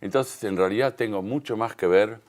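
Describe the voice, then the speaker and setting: A man from the Río de la Plata, spanning Uruguay and Argentina, speaks with a Rioplatense Spanish accent as a guest in a television interview, his voice fairly deep and a little mellow. At normal speed, he explains conversationally and with emphasis, sometimes rephrasing mid-sentence.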